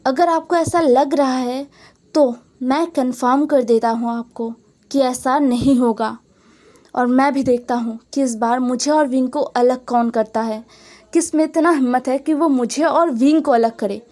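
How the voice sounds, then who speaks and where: A woman's voice: high voice, steady tone, measured pace, darkish tone. A woman voicing an angry young man who stands up to his uncle, defiant and heated.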